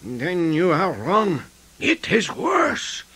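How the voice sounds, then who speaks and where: An actor playing an earnest elderly professor, speaking emphatically and pleading in a radio drama. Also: male voice, high voice, huge pitch swings, extremely slow, sharp tone, breathy edge, exaggerated voice. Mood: urgent.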